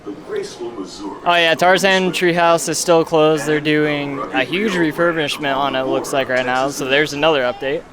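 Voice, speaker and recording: Guy vlogging outside at a packed theme park, chill tour-guide explaining, kinda high voice, lots of crowd noise. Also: fairly even intonation, measured pace. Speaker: vlog host. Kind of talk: casual vlog chat. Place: outdoors at a busy theme park. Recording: loud crowd noise outdoors.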